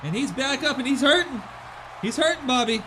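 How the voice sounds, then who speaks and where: A man calling a pro wrestling match as an excited play-by-play commentator, dramatic and exclamatory, often throwing out rhetorical questions. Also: very high voice, brisk, background noise.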